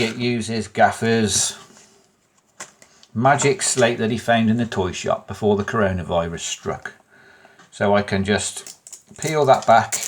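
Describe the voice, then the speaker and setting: A man's voice: lowish voice, a little hiss or hum. A man presenting a card trick tutorial in an informal, chatty way, with self-deprecating muttered asides to himself.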